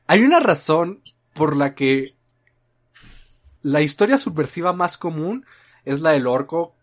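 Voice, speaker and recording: A man with a Mexican accent in a relaxed, casual chat. He rambles and leans on filler words. His sentences often fade out softly at the end. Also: fairly high pitch, a little slow. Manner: rambling, frequent filler "este", trailing off softly.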